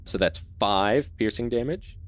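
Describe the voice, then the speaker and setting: A man's voice: lowish voice, measured pace, slight background noise. A man running a tabletop game as game master, explaining rules and narrating the action, often laughing.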